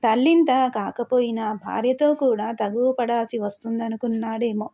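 A woman narrating a novel as an audiobook, reading in a calm, steady way. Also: fairly high pitch, moderate pace.

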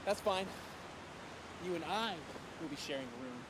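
High-pitched cocky young party guy, an actor's role. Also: expressive, moderate pace, heavy background noise, close to an everyday voice. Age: young adult. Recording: loud outdoor ambience.

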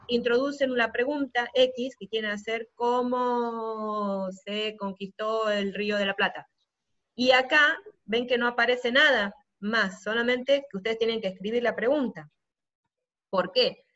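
Middle-aged lady teacher, slightly high voice, explains step by step and keeps checking in, muffled video call sound. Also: measured pace, a bit bright. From Argentina. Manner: explanatory, often checks in with listeners. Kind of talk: live software tutorial over video call. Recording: dull lo-fi video call audio.

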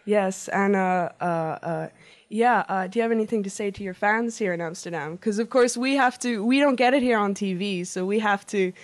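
Casting: young female interviewer, mid-range voice, excitable and gushing, informal on-camera style. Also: medium pitch, moderate pace. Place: small wood-walled room. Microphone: handheld interview mic.

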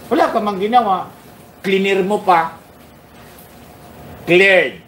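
A man's voice: high-pitched, slow, fairly bright tone, distant mic, a little hiss or hum. A man hosting a casual political commentary livestream, chuckling often and greeting his viewers by name. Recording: echoey room.

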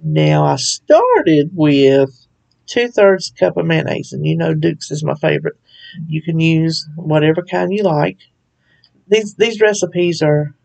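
A woman's voice: low-pitched, creaky, darkish tone. A woman hosting a home cooking video, talking through a recipe in a chatty, folksy way with frequent laughs. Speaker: cooking channel host. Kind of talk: casual recipe walkthrough.

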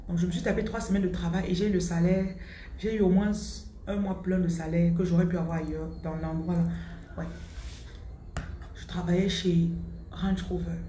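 A woman telling her own life story in a motivational vlog, animated and repeating words for emphasis, dropping English phrases into her talk. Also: fairly low pitch, moderate pace. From Central Africa. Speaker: motivational vlogger. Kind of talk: personal storytelling monologue. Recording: roomy with faint background noise.

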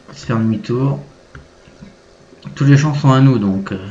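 A man's voice: medium pitch, moderate pace, mellow. A man from France hosting a gaming channel, chatting casually over his gameplay and thinking aloud with fillers. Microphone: desk gaming mic. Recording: slightly dull lo-fi mic with faint background hum.

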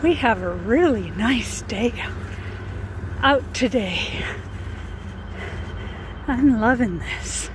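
Slow-talking older woman, out on a walk. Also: on the high side, lively intonation. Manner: chatty, slow and musing, talking while walking. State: a little out of breath. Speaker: vlogger. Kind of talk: casual walking vlog. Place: outdoors on a residential street. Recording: outdoor noise and passing cars.

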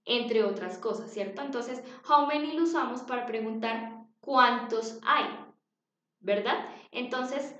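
A woman's voice: fairly high pitch, slow pace, fairly bright tone. A woman teaching an English lesson to young children, patient, repeating words for them to copy. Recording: dull, echoey home recording.

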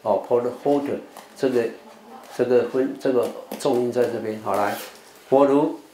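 A man's voice: medium pitch, steady tone, normal speed, mellow. An older man, a Buddhist monk from Taiwan with a Taiwanese Mandarin accent, teaching English words and leading call-and-response drills, sometimes slipping into Taiwanese Hokkien. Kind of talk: televised vocabulary lesson. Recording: roomy hall with faint background noise.

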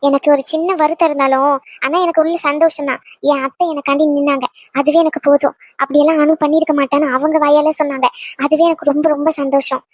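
A woman voicing a gentle young daughter-in-law who asks her elders not to apologise. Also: high voice, level tone, fast, dry recording, clean studio sound, lightly acted. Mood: emotional.

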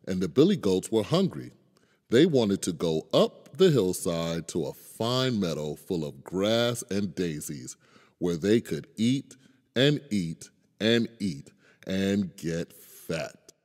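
A man reading a children's storybook aloud in an expressive storyteller way. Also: deep voice, long reverb tail. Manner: expressive, animated. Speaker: storybook reader.

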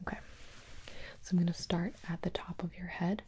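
A young woman in a whispered role-play as a calm, attentive doctor, speaking in a soft, breathy whisper with a gentle, reassuring manner. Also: fairly low pitch, fairly quick. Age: young adult. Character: calm, attentive female doctor examining a patient. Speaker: ASMR performer playing a doctor.

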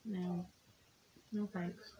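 A woman's voice: fairly low pitch, little pitch movement, extremely slow, dark tone, slight background noise, rough recording. A woman on a living room couch, trying snacks from a box and giving blunt, joking verdicts. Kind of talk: casual taste-test chat.

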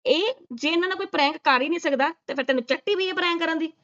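A woman's voice: extremely high pitch, very fast, a bit bright, dull audio. A woman doing sarcastic reaction commentary, scolding and mocking with rhetorical questions. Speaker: reaction vlogger.

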